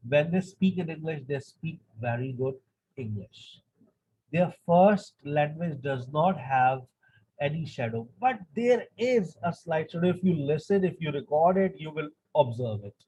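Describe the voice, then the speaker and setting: A man's voice: on the high side, expressive, very slow, warm tone, a little hiss or hum. A man, teaching an online English lesson and switching between English and Urdu as he explains. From Pakistan. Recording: dull lo-fi recording.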